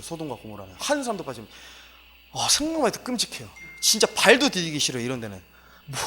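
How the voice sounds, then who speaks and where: A man's voice: high voice, a bit bright, in a large hall. A male pastor giving a sermon lecture, emphatic and exclaiming, with many filler words.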